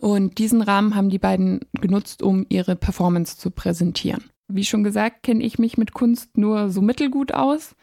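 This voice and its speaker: A woman hosts a radio arts segment in a calm, measured manner. Her voice is mellow and warm. It sounds close and dry, with no room around it. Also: medium pitch, gravelly, no room sound. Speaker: interviewer. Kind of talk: radio feature and interview.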